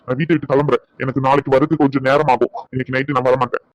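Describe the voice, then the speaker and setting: A man's voice: medium pitch, level tone, rapid-fire, dry recording, natural voice, low-quality recording. A man playing a bitter, scolding husband. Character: angry proud husband, adult man, short-tempered. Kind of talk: Tamil family drama acting.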